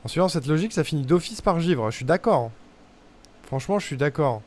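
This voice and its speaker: A man's voice: fairly high pitch, expressive, fairly quick, darkish tone. A young man streaming a puzzle game, thinking aloud in casual chat as he tests guesses and mutters to himself. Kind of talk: casual live-stream commentary.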